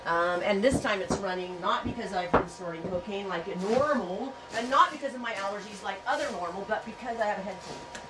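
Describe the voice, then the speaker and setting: The recording is rough and the mic distant as a yarn and fiber farm vlogger, at home on her farm, chats with viewers in rambling storytelling, laughing a lot through a stuffy head cold. Her mid-range voice runs a little fast.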